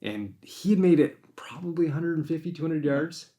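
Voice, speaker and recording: A man's voice: a little high, animated, moderate pace, warm tone. A man hosting a casual podcast, retelling a hunt in a rambling way, often restarting and acting out his own thoughts. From Maine. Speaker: podcast host and deer hunter. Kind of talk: casual storytelling chat.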